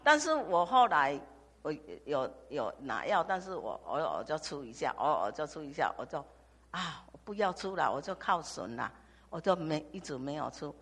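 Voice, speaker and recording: An older woman from Taiwan, giving a halting church testimony full of restarts and repetitions. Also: sits low, big pitch swings, fairly bright tone, breathy edge. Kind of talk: personal testimony. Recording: long hall reverb.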